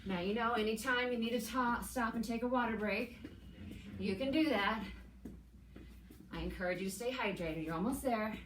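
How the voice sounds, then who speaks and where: A middle-aged woman coaching an exercise class as an aerobics instructor, calling cues and counts with steady encouragement while she works out. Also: on the high side, normal speed, long pauses. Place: indoors, plain room with hard walls. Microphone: camera several meters away. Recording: echoey room, distant mic, background noise.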